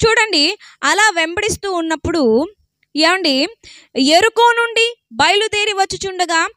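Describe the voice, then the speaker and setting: Woman preacher, very high bright voice, questioning storytelling sermon, dry close sound. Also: dry recording.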